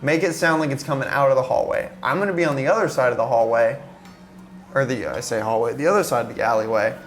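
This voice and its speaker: Male player, relaxed and chatty, plans his moves aloud; mid pitch. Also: quick pace, slight background noise. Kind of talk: casual tabletop game play.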